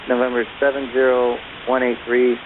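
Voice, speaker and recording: A man's voice: mid-range voice, completely flat delivery, normal speed. A man working as an air traffic controller, giving clipped instructions over a crackly radio. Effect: crackly aviation radio transmission. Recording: narrow-band crackly radio with hiss.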